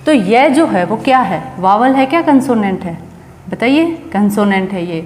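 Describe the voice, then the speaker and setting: A woman's voice: medium pitch, animated, normal speed, darkish tone, soft background music. A woman teaching an English grammar lesson, explaining step by step and asking and answering her own questions. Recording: echoey room with long reverb.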